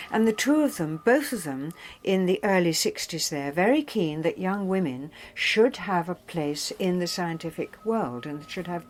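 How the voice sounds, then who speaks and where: An older woman, an actress and narrator, talks warmly about her work in a behind-the-scenes interview. Her pitch swoops widely as she speaks, and she is openly emotional and quick to laugh. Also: a little hiss or hum, low-quality recording. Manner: emotional, effusive, laughs easily.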